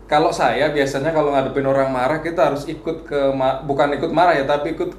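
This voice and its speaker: A man who works as a civil service official, a guest answering questions calmly and in a measured way. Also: a little high, reverberant. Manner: calm, measured, laughs softly. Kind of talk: casual interview answers.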